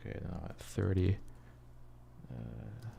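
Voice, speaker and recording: A man's voice: low-pitched, monotone, slow, gravelly, mellow, a little hiss or hum. A man composing at his computer, talking through his process casually and muttering and humming phrases as he writes. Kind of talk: casual screen-share tutorial, thinking aloud.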